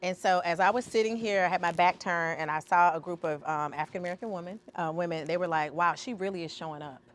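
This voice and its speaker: A woman's voice: lowish voice, fairly even intonation, quick pace. A woman artist talking as a podcast guest, telling stories expressively and acting out the voices she quotes. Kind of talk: interview conversation.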